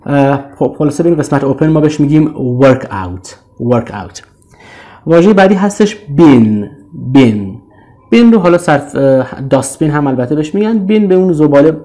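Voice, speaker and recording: A man with a Persian accent teaches English vocabulary in a dark, mellow voice at a middle pitch. He draws each model word out slowly and lets it sink low at the end before prompting his listeners to repeat after him. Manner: slow, drawn-out model words, often trailing off low.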